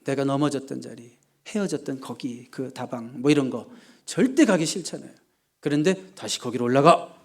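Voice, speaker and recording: A male pastor giving a lively, dramatic sermon with humor and acted-out quotes. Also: mid-range voice, normal speed, gravelly, husky.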